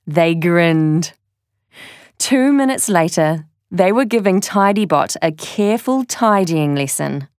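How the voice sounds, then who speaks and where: Woman narrator, children's read-aloud, unhurried and deliberate, dry close mic. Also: on the low side, animated, a little mellow, smooth, no echo. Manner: slow, deliberate storytelling.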